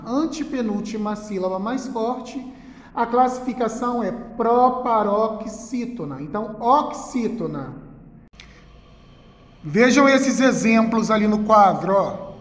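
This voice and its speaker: Brazilian guy teacher recording a class vid, slow patient repeating, echoey room w long reverb. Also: very high voice, expressive. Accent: Brazilian Portuguese. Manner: patient, repeats key words slowly and ends with "tá?". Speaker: schoolteacher. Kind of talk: recorded online class lesson. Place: classroom with a whiteboard.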